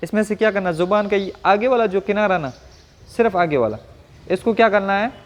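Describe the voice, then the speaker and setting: A man from Rajasthan teaching Quran pronunciation to a class, asking questions and modeling each sound slowly. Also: sits high, big-room sound. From Rajasthan, India. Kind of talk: classroom lesson.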